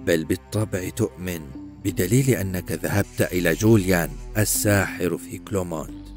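Sly old male demon, hissing and quiet, low and mocking, voiced by a man. Menacing storybook villain. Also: fairly quick, faint music behind, close to an everyday voice. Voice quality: hissing, whispery.

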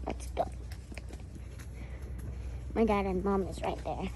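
Young woman vlogger, unhurried, exclamatory, filmed on a phone on a noisy outdoor trail. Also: medium pitch, dark tone. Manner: chatty, exclaiming at sights. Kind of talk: casual hiking vlog. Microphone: handheld phone. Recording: outdoor phone audio with background noise. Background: outdoor ambience.

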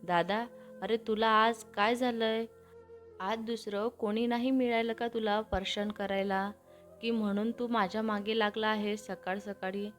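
A woman's voice: mid-range voice, steady tone, a little slow, soft background music, close to an everyday voice. A woman reading as a cheeky younger brother. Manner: cheeky, bantering.

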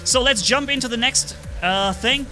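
A man giving live gameplay commentary on his own stream, excited play-by-play with sound effects. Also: very high voice, moderate pace, soft background music. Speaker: gaming streamer.

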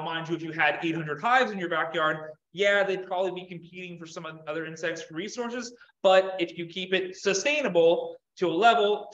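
A man's voice: on the high side, fairly bright tone, lo-fi sound. A young man giving a casual beekeeping talk to a group, chatting loosely with many fillers and restarts. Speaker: beekeeping presenter. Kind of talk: casual slide-show talk. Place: meeting room, indoors. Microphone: far camera. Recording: echoey room from far off.

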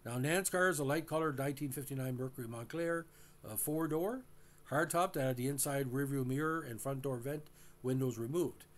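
A man hosting a show, recapping and discussing a classic television episode in a casual, halting way with many fillers, sometimes speaking to the listeners directly. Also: medium pitch. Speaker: host.

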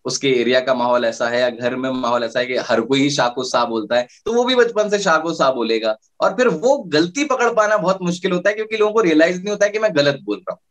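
A man's voice: a little high, lively intonation, fairly quick, hardly any pauses. A male radio jockey explaining his career in a casual interview, with frequent fillers and restarts.

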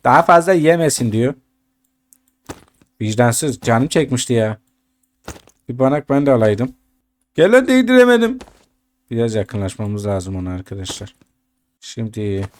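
A man's voice: medium pitch, darkish tone. Guy doing casual lets-play commentary, talks to his viewers, keeps grumbling and cussing at the game. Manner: chatty, addresses viewers, grumbles and swears at the game. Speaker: gaming YouTuber.

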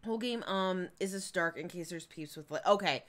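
Talking a little fast in a low-leaning, slightly bright voice, a young woman with a Midwestern accent from around Chicago rambles through casual commentary as she streams a game, giggling and dropping fillers.

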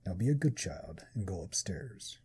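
A woman voicing a stern, sorrowful motherly goat monster from a video game, slow, grave and hushed. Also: a bass voice, big pitch swings, husky, voice pushed down, full character voice. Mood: grave, menacing. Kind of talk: dramatic voice-over of video game dialogue.

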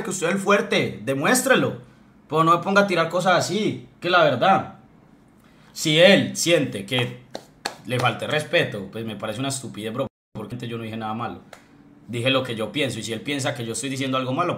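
A man's voice: mid-range voice, a little fast, bright, forceful tone. A young man, ranting on a livestream in a heated, blunt way, swearing and repeating himself. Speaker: streamer. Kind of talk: livestream rant.

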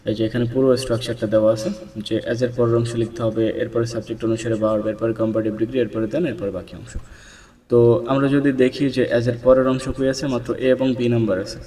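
A man teaching English grammar for an exam in a patient explanatory lesson, often checking that the listener follows and reading example sentences slowly. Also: mid-range voice, level tone, dark tone, far from the mic.

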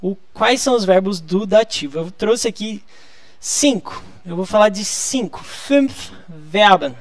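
A man's voice: sits high, measured pace, no room sound. A man from Brazil teaching a live online lesson, explaining patiently and drawing out key words. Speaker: German teacher.

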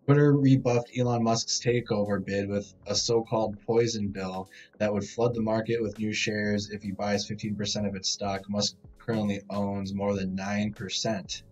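A man's voice: on the low side, flat delivery, normal speed, hardly any pauses, a little mellow. A man hosting a casual news rundown from a hotel room through a laptop mic that makes him sound tinny, stumbling over words as he reads headlines. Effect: tinny, tin-can sounding laptop mic. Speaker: live-stream news host. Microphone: laptop microphone.

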